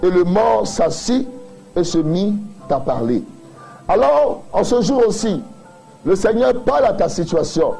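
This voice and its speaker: High-voiced preaching man, emphatic. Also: sing-song, a little slow, creaky, warm tone, soft background music, low-quality recording. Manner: emphatic preaching with repeated refrains. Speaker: pastor. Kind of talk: sermon.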